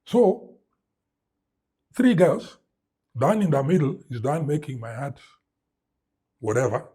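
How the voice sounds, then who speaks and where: A man's voice: on the high side, unhurried, breathy edge. A middle-aged man with a Kenyan English accent, a guest in an interview, telling a story with sound effects and Swahili words mixed in. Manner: animated storyteller who mimics sounds and drops Swahili words.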